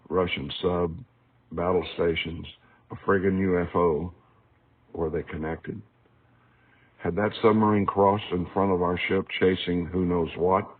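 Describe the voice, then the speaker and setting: Husky and low-pitched, a man narrates an excerpt of his own book as scripted audiobook reading. It's captured with a tinny, narrow sound resembling a phone.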